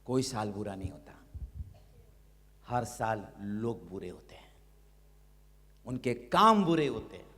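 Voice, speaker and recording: धीमे बोलते पादरी, गूंजता hall. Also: male voice, lowish voice, sing-song, slow, long pauses. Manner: exhorting, repeats hallelujah; leads a loud impassioned prayer. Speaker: pastor. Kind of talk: sermon. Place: church hall. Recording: long reverb of a church hall.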